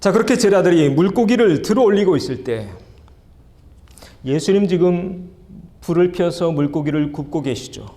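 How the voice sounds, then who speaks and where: A man's voice: high voice, lively intonation, moderate pace, mellow. A man preaching a sermon as a pastor in a church, asking the congregation questions and leading them in reading aloud. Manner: asks the congregation questions and leads group reading. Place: church sanctuary.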